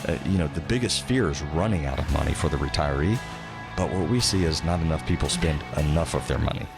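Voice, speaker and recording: A man's voice: a bass voice, fast, over loud music. A man, a financial advisor co-hosting a radio talk show, chatting loosely with fillers and restarts.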